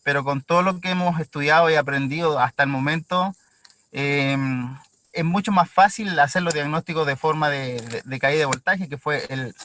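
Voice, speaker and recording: A man's voice: on the high side, normal speed, fairly bright tone. A man from Chile, a mechanic giving a hesitant testimonial from inside a car. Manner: hesitant, tags lines with "¿ya?". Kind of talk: casual testimonial.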